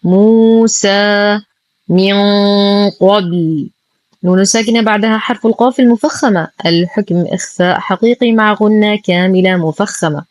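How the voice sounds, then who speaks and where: A woman teaching Quran recitation, stretching out each model word slowly and precisely before explaining the rule in a quicker, matter-of-fact voice. Her voice sits at a middle pitch and sounds dry and close, with no room around it. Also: dry recording. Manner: precise, slow drawn-out modeling of syllables between brisk explanations. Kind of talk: tajweed lesson with slow model recitation.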